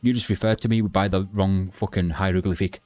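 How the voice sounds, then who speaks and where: A man voicing an indignant, entitled woman customer who complains loudly at a bank counter. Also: low-pitched, fairly even intonation, a little fast, soft background music, lightly acted.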